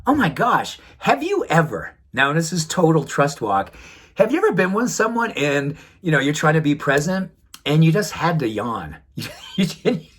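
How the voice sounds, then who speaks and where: A man's voice: a little high, sing-song, normal speed. A middle-aged man, a wellness doctor, talking casually to the camera in his own video, enthusiastic and chatting to his pet pug between points.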